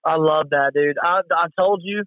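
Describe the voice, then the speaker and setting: Higher-voiced bro-ish guy, dull recording. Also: moderate pace, dry recording. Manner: bro-ish slang, enthusiastic, repeats himself. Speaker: co-host of a sports talk show. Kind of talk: casual sports chat.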